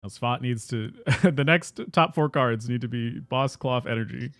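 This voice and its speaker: A man commentating on a competitive card game, measured and low-key. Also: dry recording, clean studio sound. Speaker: caster.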